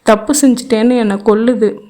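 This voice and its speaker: A woman's voice: a little high, fairly even intonation, a little fast, warm tone, close to an everyday voice. A woman reading an audio novel, voicing a heartbroken young divorced woman who pleads in a tearful, impassioned way. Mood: pleading.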